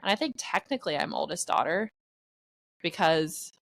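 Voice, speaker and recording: A woman's voice: fairly low pitch, expressive, normal speed, gravelly, a bit bright. A woman being interviewed about her podcast acting, talking in a rambling, self-deprecating way full of "like". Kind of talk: casual interview chat.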